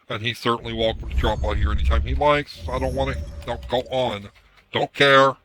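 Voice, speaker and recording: A hoarse man ranting casually on a live stream through a headset mic, his voice run through a voice changer, irritated and swearing as he repeats himself. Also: mid-range voice, fairly even intonation, moderate pace, background noise. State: hoarse from screaming. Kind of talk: ranting livestream commentary.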